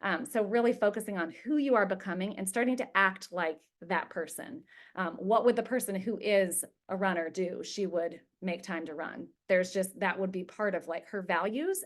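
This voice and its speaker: A middle-aged woman leading a group coaching session on habits, chatty and informal with lots of fillers. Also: mid-range voice. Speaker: wellness coach. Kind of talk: casual group coaching talk.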